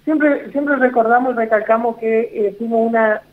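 Over a tinny phone connection, an executive director with an Argentine Spanish accent talks as a guest on a radio call-in interview. His voice is very high, his intonation fairly even, and his pace normal. He reassures listeners, repeats points, and fills pauses constantly.

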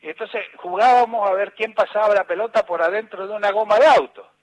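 A man's voice: high-pitched, brisk, low-quality recording. An older man with an Argentine accent, a former footballer telling rambling anecdotes in an interview, often restarting and quoting others. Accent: Argentine Spanish. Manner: rambling, with many restarts and acted quotes. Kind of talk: anecdotal storytelling.

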